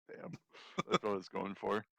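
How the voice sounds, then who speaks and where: A man's voice: lowish voice, very animated, a little slow, gravelly, fairly bright tone, no echo, poor audio. A man playing a tabletop game, chatting casually and playfully. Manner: laughs through his lines, loose and playful. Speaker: player.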